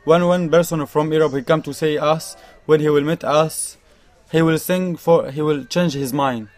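A man's voice: fairly high pitch, fairly even intonation, normal speed, darkish tone, soft background music. A young man from Syria with a Syrian Arabic accent, speaking earnest, emphatic broken English as a refugee giving his testimony in an interview. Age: young adult. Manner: earnest, emphatic, repeats points, non-native grammar.

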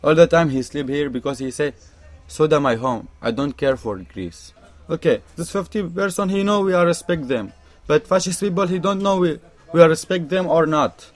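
A man's voice: on the high side, moderate pace, hardly any pauses, faint music behind. Young Syrian man, impassioned broken English. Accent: Syrian Arabic. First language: Arabic. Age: young adult. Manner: earnest, emphatic, repeats points, non-native grammar. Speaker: refugee interviewee.

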